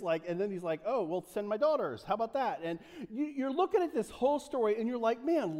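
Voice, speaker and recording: A man's voice: high voice, warm tone, big-room sound. A man from the United States preaching a casual sermon in a church, joking and chatty, with many fillers and restarts. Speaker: pastor.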